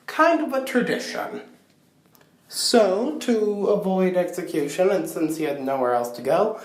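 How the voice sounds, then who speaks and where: A woman's voice: mid-range voice, a little mellow, echoey room, rough recording. A woman giving a comedic history lecture, full of sardonic, irreverent asides. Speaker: history presenter.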